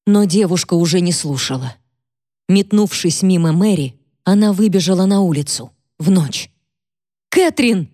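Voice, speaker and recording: A woman narrating a historical novel in even, measured scripted storytelling. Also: lowish voice, no room sound, studio quality. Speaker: audiobook narrator.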